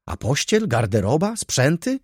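A man's voice: fairly low pitch, wildly swooping pitch, normal speed, a little mellow, breathy edge, dry recording, studio quality, pitched above the performer's own voice, exaggerated voice. A man voicing a flustered, anxious baroness who pleads and frets. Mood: agitated. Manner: agitated, pleading.

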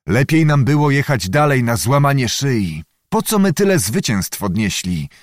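A man's voice: medium pitch, big pitch swings, normal speed, no echo, clean studio sound, lightly acted. A man voicing Kuszel, a grim old-time soldier. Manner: gloomy, foreboding.

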